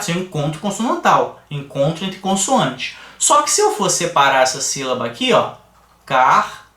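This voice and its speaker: A man with a Brazilian Portuguese accent teaching a grammar lesson, explaining slowly and asking the class rhetorical questions. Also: high-pitched, a bit bright, distant mic. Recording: echoey room, voice a bit off-mic.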